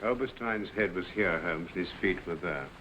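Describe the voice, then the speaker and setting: An actor playing a helpful, inquisitive doctor, companion to a detective, in an old-time radio drama. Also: male voice, sits low, normal speed, sharp tone. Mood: matter-of-fact. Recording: dull, noisy old radio recording.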